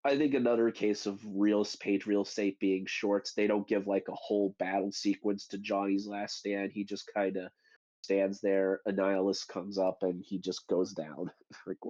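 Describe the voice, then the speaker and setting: A man hosting a book club chat, retelling the story in a loose, animated way and acting out quoted lines with sudden high bursts. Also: moderate pace. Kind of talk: casual chat. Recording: dull lo-fi audio.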